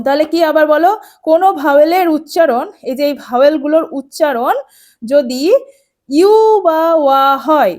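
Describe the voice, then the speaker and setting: A woman's voice: high-pitched, a little mellow. A woman teacher explaining an English grammar lesson to schoolchildren, patient and repetitive, checking in with them often. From West Bengal, India.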